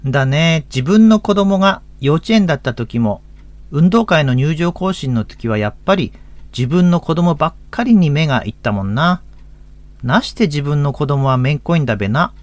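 A man's voice: a little high, animated, moderate pace, no echo. A man in his fifties with a Tohoku accent, a pastor hosting a religious radio talk in a folksy, chatty way. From Akita, Japan. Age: 50s.

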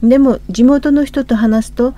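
A woman in her fifties with a Kansai accent, co-hosting a religious radio talk and gently prompting her husband. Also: high-pitched, fairly even intonation, moderate pace. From Hyogo, Japan. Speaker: co-host.

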